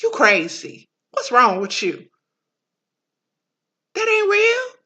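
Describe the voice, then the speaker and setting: A woman's voice: extremely high pitch, wildly swooping pitch, slow pace, sharp tone, dull audio, pitched above the performer's own voice, exaggerated voice. A woman voicing the mind as a slangy, mocking woman who coaxes and taunts the listener. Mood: taunting. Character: the mind personified, sassy coaxing woman, mocking.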